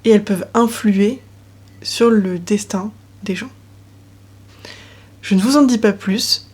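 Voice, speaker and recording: A young woman vlogging at home in front of her bookshelves, chatting casually about books with soft, trailing asides. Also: mid-range voice, slow pace, slightly rough. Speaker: book vlogger. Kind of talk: casual chat presenting books.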